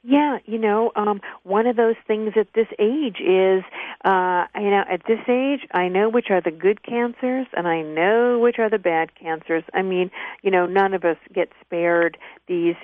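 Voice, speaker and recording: A woman's voice: medium pitch, measured pace, dry recording. Woman in her 50s, chatty self-deprecating interview guest, tinny phone-line sound. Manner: chatty, self-mocking, animated storytelling. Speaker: author and actress guest. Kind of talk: radio interview chat.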